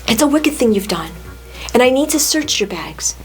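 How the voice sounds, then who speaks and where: A woman's voice: fairly high pitch, very animated, moderate pace, soft background music. A woman voicing a solemn, powerful ruler. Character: grave powerful man, ruler over his brothers.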